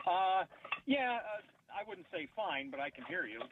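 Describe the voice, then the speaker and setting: A man's voice: sits high, sing-song, unhurried, crowd noise. A stand-up comedian guest calling in by phone from his car, joking and self-deprecating, heard over a dull, lo-fi line. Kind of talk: casual podcast chat by phone. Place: parked car. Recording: muffled lo-fi phone call.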